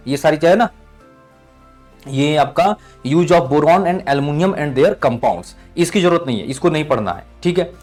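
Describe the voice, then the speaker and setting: A male chemistry teacher giving an exam-prep lesson, calling students "beta" and checking in with "thik hai?" after each point. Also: on the high side.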